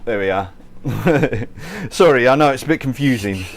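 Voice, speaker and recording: This cooking show host, an American, keeps things chatty and jokey on his livestream, fielding viewer questions while cooking in his kitchen. He speaks at normal speed with a medium-pitched voice and lively intonation, and slight background noise can be heard.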